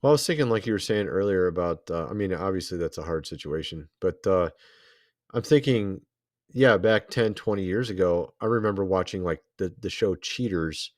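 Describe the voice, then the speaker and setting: A man co-hosting a casual reaction chat, talking loosely and filling his sentences with "like." His voice sits on the low side. It sounds dry and close. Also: animated, moderate pace, no room sound. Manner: loose, filler-heavy, says "like" a lot. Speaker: co-host.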